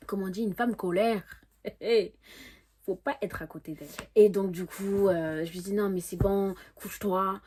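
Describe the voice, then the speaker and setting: A young woman telling a casual storytime to camera, animated and expressive, repeating words for emphasis and laughing often. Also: mid-range voice, measured pace, slight background noise. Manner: imitates an English accent when quoting. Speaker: storyteller vlogger.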